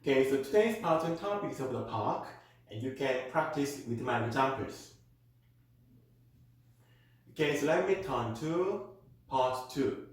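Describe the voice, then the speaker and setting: A man with a Korean accent, a native Korean speaker, teaching as a tutor and reading model exam answers aloud at a slow, careful pace for learners. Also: medium pitch, lively intonation. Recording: very echoey room.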